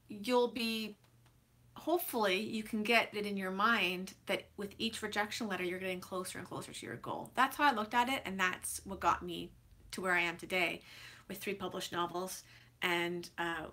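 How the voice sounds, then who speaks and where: A forties-aged author vlogger, congested from a cold, speaks in a lowish, bright, forceful voice. She chats loosely about writing, often restarting and using filler words.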